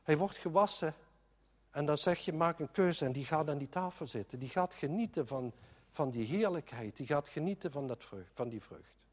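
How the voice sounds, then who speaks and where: A man's voice: fairly high pitch, expressive, moderate pace. Earnest preacher man in a reverberant hall. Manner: earnest, emphatic, with frequent restarts. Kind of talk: sermon.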